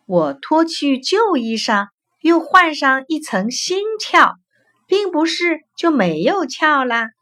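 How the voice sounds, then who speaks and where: A woman's voice: sits high, bright, forceful tone, exaggerated voice. A woman voicing a male river shrimp shedding his shell, who sounds weak and explains patiently. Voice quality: feeble, short of strength.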